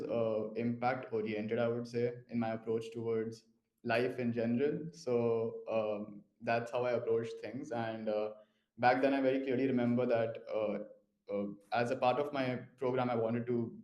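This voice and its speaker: A young man from India, a current master's student speaking in an online info session, measured and dotted with "uh" fillers. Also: medium pitch, reverberant, dull audio.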